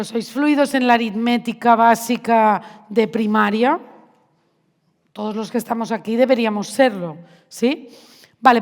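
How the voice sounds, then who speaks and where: A woman giving a conversational conference talk to teachers, often asking the audience questions. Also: on the high side. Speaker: math education speaker. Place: large hall with audience. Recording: reverberant hall.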